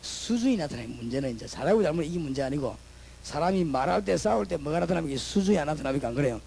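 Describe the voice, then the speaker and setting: A male preacher from Busan with a strong Gyeongsang accent, his voice pitched high and full of gravel. He swings between booming declarations and casual, joking asides to the congregation, his tone rising and falling sharply. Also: expressive, rapid-fire, slight background noise, low-quality recording. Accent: Gyeongsang (Busan) Korean. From Busan, South Korea. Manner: swings between loud proclamations and chatty, joking anecdotes. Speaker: pastor, guest preacher. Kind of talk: sermon.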